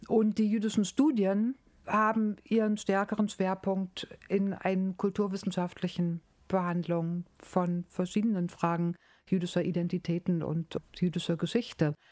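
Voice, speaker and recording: A middle-aged woman from Berlin, a professor, explaining her field in a measured academic interview. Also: mid-range voice, flat delivery, darkish tone, dry recording. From East Berlin, Germany.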